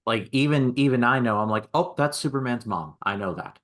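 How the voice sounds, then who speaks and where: A man co-hosting a casual TV recap chat with deadpan jokes. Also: mid-range voice, a little fast. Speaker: podcast co-host.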